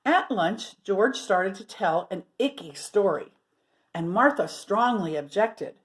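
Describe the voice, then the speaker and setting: With a medium-pitched, animated voice, a woman reads a story expressively to children, pausing along the way to put questions and side remarks to them.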